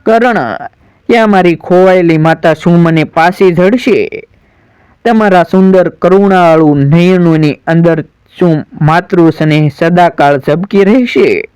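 A man's voice: high voice, a little slow, a little mellow, smooth, no echo. A man storyteller voicing a grieving proud warrior son in a dramatic recitation, solemn and pleading. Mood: yearning.

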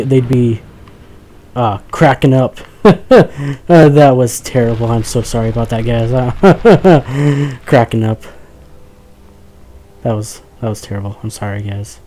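Mellow-voiced young man chatting over gameplay. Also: medium pitch. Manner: chatty, jokey, talks to the viewers, easily startled. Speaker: gaming commentator. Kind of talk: casual let's play commentary.

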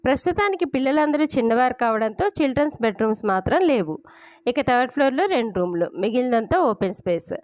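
A woman narrating a family story in the first person, with steady, unhurried storytelling. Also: on the high side, dry recording.

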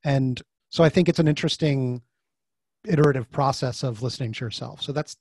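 Over a video call, a podcast guest who works as an author and design facilitator talks fairly quickly in a mid-range male voice, with no room sound. The interview is casual, and he animatedly performs the voices of people he quotes mid-story.

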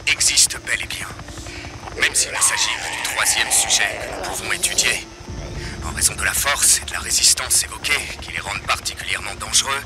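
A man playing a clinical researcher in a video game, giving field notes in a formal, measured way. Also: mid-range voice, close to an everyday voice. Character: clinical male researcher studying mutants, detached and precise. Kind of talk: scientific field-note narration.

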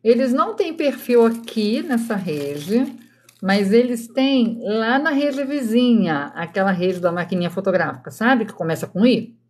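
A woman's voice: on the high side, lively intonation, unhurried. A woman in her thirties with a Brazilian accent, hosting a casual live stream from home at night and chatting with viewers while she crafts. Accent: Brazilian Portuguese. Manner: chatty, addresses viewers directly, keeps voice down for sleeping kids.

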